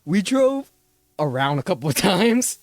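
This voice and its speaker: A young man hosting a podcast, telling childhood stories in a lively way, laughing and swearing freely. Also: high-pitched, a little slow, dry recording. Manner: animated storyteller, laughing, swearing. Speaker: podcast host. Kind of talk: casual chat.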